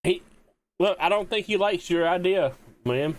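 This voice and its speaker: A man's voice: sits high, a little slow. A man streaming a game, chatting casually and teasing his friends with joking, profane banter. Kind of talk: casual gaming stream chat.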